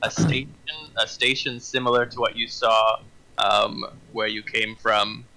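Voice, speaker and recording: Very bright-voiced man as game master. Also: lowish voice, steady tone, unhurried, gravelly, rough recording. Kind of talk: running a tabletop fantasy game, narrating and calling rolls.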